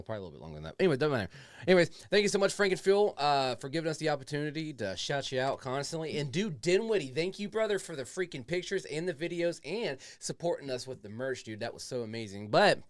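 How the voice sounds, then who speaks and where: A man's voice: medium pitch, no echo. A man hosting a casual podcast, rambling along in slangy, profane chat. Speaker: podcast host.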